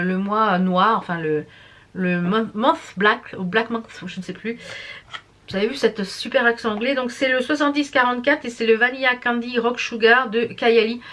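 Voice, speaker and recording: A woman's voice: a little high, a bit bright, slight background noise. A tired woman chatting casually to camera as a vlogger, rambling and stumbling over her words. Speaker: beauty and embroidery vlogger.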